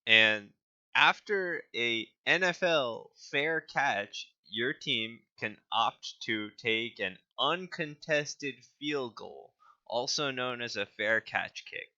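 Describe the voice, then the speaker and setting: A man's voice: medium pitch, lively intonation, slow pace, pushed and bright, muffled recording. A young man co-hosting a casual sports podcast, reading stats with small stumbles and laughs. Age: young adult. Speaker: podcast co-host.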